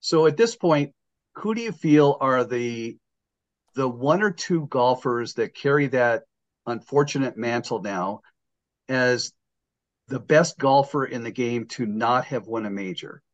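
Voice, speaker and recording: A man's voice: mid-range voice, a little slow, muffled recording. An older man hosting a casual sports podcast, jokey and rambling, with lots of restarts. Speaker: podcast host.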